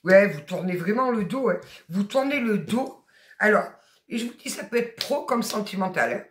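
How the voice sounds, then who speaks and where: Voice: medium pitch, lively intonation, moderate pace, roomy sound, a little hiss or hum. A tarot card reader with a Southern French accent, giving a spoken guidance reading in an emphatic, colloquial and encouraging way, with blunt asides.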